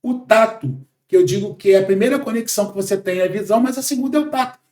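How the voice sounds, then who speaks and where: A man in his forties from Brazil, a sales trainer talking in a podcast conversation, animated and emphatic, lecturing. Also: high-pitched, fast talker, reverberant. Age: 40s.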